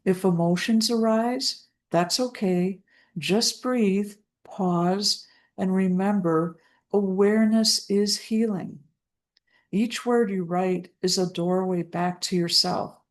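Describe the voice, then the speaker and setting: A woman speaking as a trauma recovery coach, guiding listeners through a self-help practice in a gentle, soothing way with deliberate pauses. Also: mid-range voice. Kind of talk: slow guided self-help talk.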